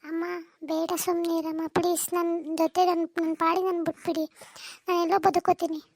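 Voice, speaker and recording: Woman voicing a meek sad young woman, cartoon, high-pitched, pleading. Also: flat delivery, fairly quick, darkish tone, dry recording, clean studio sound. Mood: sorrowful pleading. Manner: pleading, self-effacing. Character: meek young woman, left by her husband, sorrowful.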